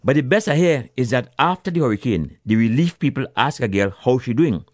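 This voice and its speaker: A man from Grenada with a Grenadian accent, telling a humorous story in a folksy, animated manner with creole phrasing. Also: mid-range voice, fairly quick, no echo, clean studio sound.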